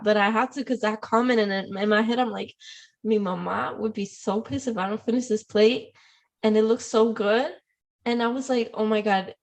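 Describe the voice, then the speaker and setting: Woman host from Puerto Rico, casual and chatty, mixes in Spanish. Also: fairly high pitch. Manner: chatty, mixes Spanish and English, laughs often. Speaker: podcast host. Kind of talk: casual conversation.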